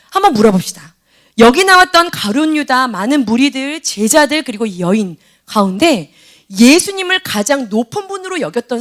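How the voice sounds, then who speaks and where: A woman's voice: sits high, fairly bright tone. A woman leading a youth sermon in church, questioning students by name and acting out scenes. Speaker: youth pastor.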